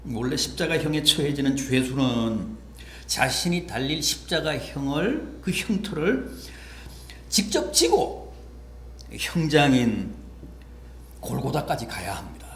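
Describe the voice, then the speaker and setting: A male pastor preaching a sermon dramatically, swinging from hushed words to loud outbursts. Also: medium pitch, animated, measured pace, slight background noise. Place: church sanctuary. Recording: echoey church with faint ambience.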